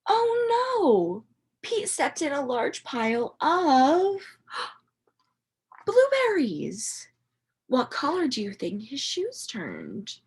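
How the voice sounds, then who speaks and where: This is an interactive children's read-aloud: a high-voiced woman with a slightly husky sound tells a picture-book story to young children in a teacherly way. She is expressive and questioning, using dramatic emphasis and pauses in her animated storytelling.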